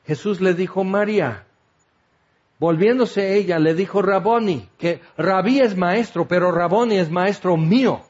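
A man's voice: high voice, normal speed, hardly any pauses, darkish tone. A man preaching a sermon in an emphatic, conversational way, full of rhetorical questions, on a dull lo-fi recording.

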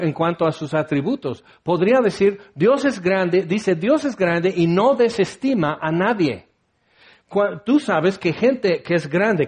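A man's voice: fairly high pitch, darkish tone, husky. A man preaching a sermon in a conversational way, acting out his listeners' replies and asking rhetorical questions.

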